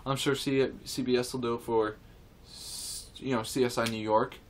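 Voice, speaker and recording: Despite a flat delivery, this male vlogger is indignant and earnest as he airs his opinions to camera. His pitch is medium and his pace moderate, and the casual rant rambles, repeats, and restarts often.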